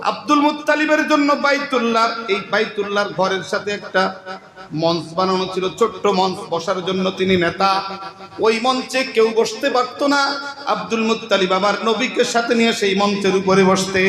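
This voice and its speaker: A man preaching a waz sermon, telling a story with emotion and breaking into impassioned shouts. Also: sits high, echoey room.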